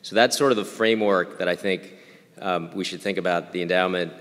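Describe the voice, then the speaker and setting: In an echoey reunion event hall, a man in his fifties introduces a panel he is moderating, restarting hesitantly as he goes. His voice is low-pitched, steady and fairly bright, and he talks a little fast.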